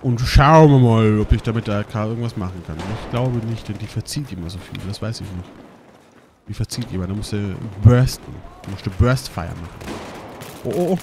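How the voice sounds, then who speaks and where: Young german guy playing a shooter, yells and curses at enemies, faint gunfire behind. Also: lowish voice, brisk, slight background noise. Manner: excitable, swears a lot, bursts of shouting; holds his voice down at night. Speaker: let's play gamer. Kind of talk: live gameplay commentary.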